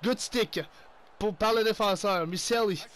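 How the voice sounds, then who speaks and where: A young man with a Québécois accent giving excitable play-by-play commentary on his own hockey video game, mixing in English exclamations. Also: high voice, measured pace, slight background noise. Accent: Québécois French. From Quebec. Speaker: gaming YouTuber.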